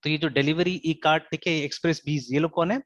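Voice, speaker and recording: A man's voice: on the high side, fairly even intonation, fast talker, a bit bright, no echo. Man teaching code. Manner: code-switching, constant "theek hai" check-ins. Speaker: programming teacher. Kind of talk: informal online coding class. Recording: dull, dry lo-fi recording.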